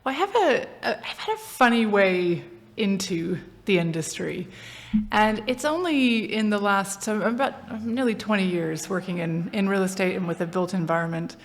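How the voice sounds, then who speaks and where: A woman in her forties from Brazil, who speaks with an American accent, chats animatedly as a podcast guest in a casual interview. She's an agency founder whose medium-pitched voice keeps a moderate pace. She's self-deprecating and restarts her sentences often.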